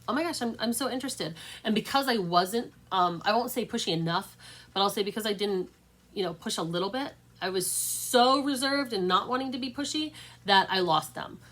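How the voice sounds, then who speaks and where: A woman leading her sales team in a casual livestream pep talk, chatty and upbeat, with lots of fillers and warm encouragement. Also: medium pitch. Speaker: direct-sales team leader. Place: at home.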